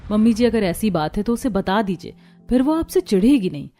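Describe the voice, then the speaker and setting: A woman voicing a kind, polite young daughter-in-law in an animated story, speaking softly. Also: mid-range voice, a little fast, natural voice. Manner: soft, polite.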